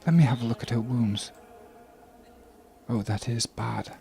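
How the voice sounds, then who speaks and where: A man's voice: medium pitch, fairly even intonation, gravelly, dark tone, husky, heavily acted. A man voicing a nervous, bookish priest in a tabletop game, who stammers and worries aloud. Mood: alarmed. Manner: anxious, halting, stammering. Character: fretful bookish male temple priest.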